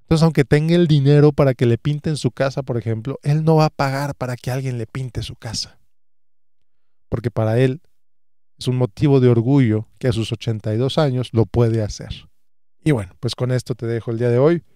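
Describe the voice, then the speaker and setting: A man's voice: mid-range voice, steady tone, a little fast, dark tone, clear, resonant tone, no room sound, clean studio sound. A man in his thirties hosting a solo finance podcast, earnest and stacking repeated phrases. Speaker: podcast host and financial advisor.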